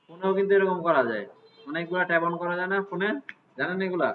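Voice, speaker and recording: Male teacher, somewhat high voice, tinny phone-like audio. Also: quick pace, a little hiss or hum. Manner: casual, asks students frequent check questions. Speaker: computer class teacher. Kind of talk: live class walkthrough.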